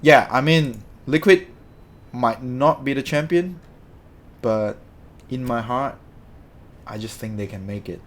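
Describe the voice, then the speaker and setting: A young Malaysian man chats loosely with his live-stream viewers, answering chat in a medium-pitched voice. He speaks slowly, pauses often, and rambles, correcting himself as he goes.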